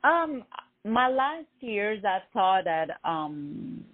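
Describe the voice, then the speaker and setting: Over a tinny phone line, a woman musician answers an interviewer with plenty of hesitation and fillers; she is Lebanese and grew up in France. Her medium-pitched voice swings widely in pitch, and she draws out her words.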